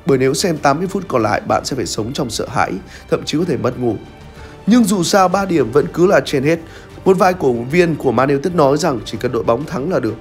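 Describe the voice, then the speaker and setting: A man's voice: fairly high pitch, expressive, fast, soft background music. Young man narrating a football review. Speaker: football commentator. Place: red studio set with screens. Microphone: lavalier mic on shirt.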